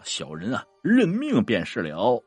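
A man's voice: fairly low pitch, huge pitch swings, unhurried, a little mellow, slightly rough, no room sound, soft background music, full character voice. A man voicing a frightened old squire and painter who stammers and trembles as he speaks. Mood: terrified.

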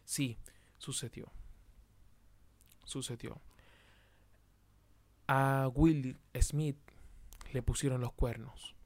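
A man from Venezuela with a Venezuelan accent, hosting a podcast and telling a story in a casual, colloquial way, repeating himself for emphasis and swinging from loud bursts to near whispers. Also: mid-range voice, steady tone, very slow, pauses often, no echo. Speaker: podcast host.

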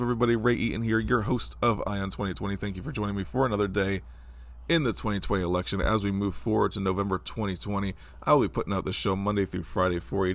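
His low voice has vocal fry and sounds stuffed up from a cold. He's a man in his forties hosting a casual solo podcast, talking in a rambling, conversational style with lots of fillers.

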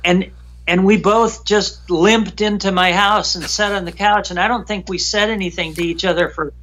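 A man guest recounting a frightening personal story in an emotional, halting way, often repeating himself. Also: high voice, fairly even intonation, fairly bright tone.

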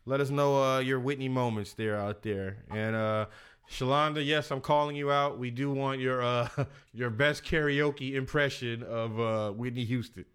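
A man with a smooth, resonant voice hosts a casual radio talk show. He talks in a laid-back, slangy way and plugs the show between jokes. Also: medium pitch, fairly even intonation, normal speed, fairly bright tone. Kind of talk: casual chat.

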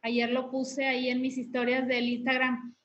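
A woman's voice: sits high, monotone, moderate pace, a bit bright, lo-fi sound. A woman hosting a faith podcast, talking through steps in an instructive way with frequent tag questions. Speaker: podcast host. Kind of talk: casual faith podcast conversation.

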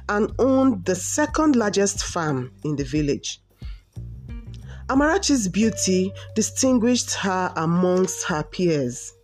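A woman reads a folk tale aloud at an unhurried pace. Her voice rises and falls in a lively, animated way, with soft music faintly underneath. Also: medium pitch. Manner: slow, expressive storytelling. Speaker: narrator. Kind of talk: storybook narration.

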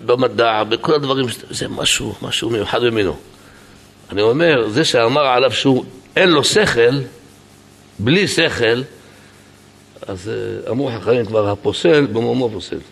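A male rabbi with an Israeli Hebrew accent preaching a sermon to a congregation, acting out dialogue and shouting repeated words for emphasis. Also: mid-range voice, vocal fry. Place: synagogue hall with congregation.

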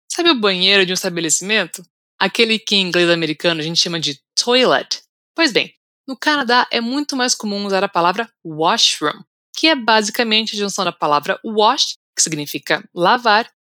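A woman with a Brazilian Portuguese accent hosts a scripted language-lesson podcast. She says English words and phrases slowly and repeats them for learners. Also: mid-range voice, sharp tone, dry recording, clean studio sound. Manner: slow, deliberate repetition for learners. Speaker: English teacher, podcast host.

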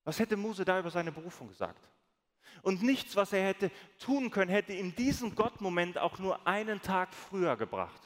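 A man preaching as a pastor, telling stories with lively acted-out quotes. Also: high voice, moderate pace. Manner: storytelling, animated, acts out quoted voices. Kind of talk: sermon. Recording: long reverb of a large hall.

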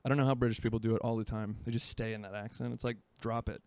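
Rambling self-mocking young man, mellow voice. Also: lowish voice, little pitch movement, rapid-fire. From Florida. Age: 20s. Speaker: podcast host. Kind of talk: solo casual podcast chat. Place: home by a marina.

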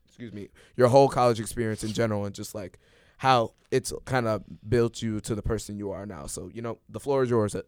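A man's voice: fairly low pitch, steady tone, fairly quick, few pauses, clean tone, no echo, clean studio sound. A young man hosting a casual podcast chat. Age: young adult. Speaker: podcast host.

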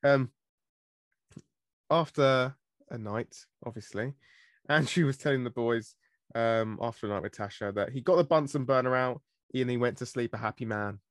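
A man's voice: medium pitch, normal speed, no echo, clean studio sound. A British man from Britain co-hosting a podcast in casual chat, laughing often as he tells stories. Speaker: podcast co-host.

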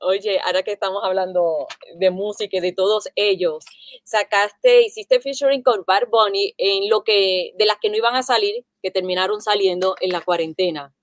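A woman's voice: mid-range voice, normal speed, no room sound. A woman hosting an interview, asking her guest follow-up questions in a friendly, conversational way. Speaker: interview host.

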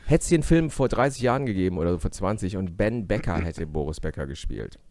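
A man with a deep, mellow voice chats casually, often pausing on fillers. The sound is dry and close. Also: very animated, dry recording. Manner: hesitant, many fillers. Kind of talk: casual chat.

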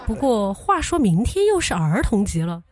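With a medium-pitched voice at normal speed, a young comedy podcast host tells playful jokes and anecdotes against a noisy background. She teases, stays animated, and performs the voices of the people in her stories.

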